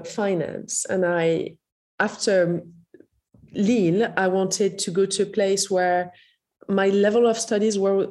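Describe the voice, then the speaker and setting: A woman with a blended French, Iranian and Moroccan accent, telling her story as an interview guest in a polite, measured way. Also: medium pitch, warm tone. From Morocco, later France. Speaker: podcast guest, health platform founder.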